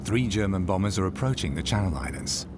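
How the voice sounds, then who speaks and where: A man narrating a history documentary in a measured, dramatic storytelling manner. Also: low voice, animated, background noise. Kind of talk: scripted narration. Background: music.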